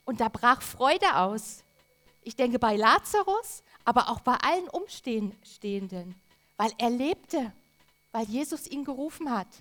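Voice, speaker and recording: A woman preaching a sermon, earnest and emphatic, with drawn-out repetitions. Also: fairly high pitch, lively intonation, a bit bright.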